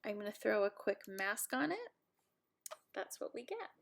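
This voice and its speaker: A woman teaching a software tutorial over a screen recording, talking in a casual, self-deprecating and encouraging way. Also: medium pitch, big pitch swings, moderate pace, vocal fry.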